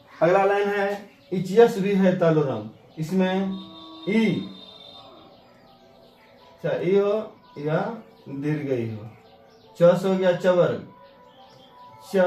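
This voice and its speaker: A man teaching a grammar lesson, sounding out letters one by one in a slow, deliberate way. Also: fairly high pitch, mellow. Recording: echoey room with faint ambient noise.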